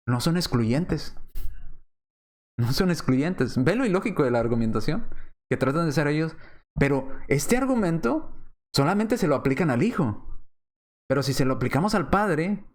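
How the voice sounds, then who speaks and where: A man preacher giving an apologetics lesson, methodical, asking rhetorical questions and repeating his points slowly. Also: a little high, big pitch swings.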